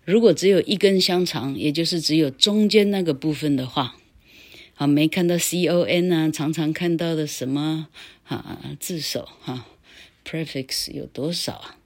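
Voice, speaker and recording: An older woman giving a casual online English lesson. She rambles and tags her phrases with a habitual "ha," and chants rules slowly, syllable by syllable. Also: low voice, a little mellow. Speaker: English teacher.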